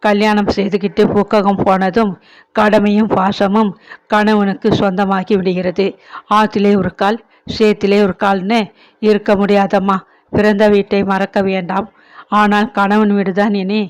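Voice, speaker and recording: A woman reading the part of an aging, sick mother who speaks gently and consolingly in a storybook. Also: medium pitch, flat delivery, measured pace, close to an everyday voice, rough recording. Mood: tender.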